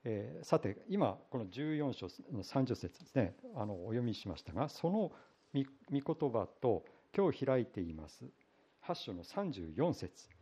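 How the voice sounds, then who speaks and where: Husky-voiced man preaching a folksy sermon. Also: medium pitch, unhurried. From Iwate, Japan. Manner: relaxed, folksy storytelling with frequent hesitations. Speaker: pastor. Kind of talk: conversational sermon.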